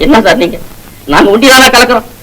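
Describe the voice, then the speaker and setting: A man's voice: extremely high pitch, fast talker, pushed and bright, slight background noise, low-quality recording. An actor playing a bumbling, talkative male shop worker who rambles and pleads under police questioning, in old film comedy style. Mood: pleading. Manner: rambling, evasive and pleading, comic patter. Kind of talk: 1950s film comedy acting.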